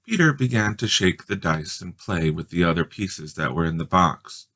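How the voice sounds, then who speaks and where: A man reading a children's story aloud in expressive, measured, dramatic narration. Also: low-pitched. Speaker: storybook reader.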